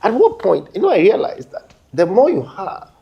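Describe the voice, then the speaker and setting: A man's voice: sits high, wildly swooping pitch, moderate pace, gravelly, lo-fi sound. A man hosting a casual panel chat, telling stories animatedly and laughing often. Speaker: host.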